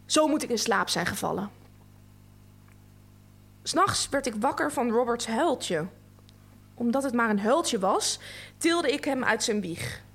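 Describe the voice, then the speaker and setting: Slow, measured woman reading aloud. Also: a little high. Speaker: reader.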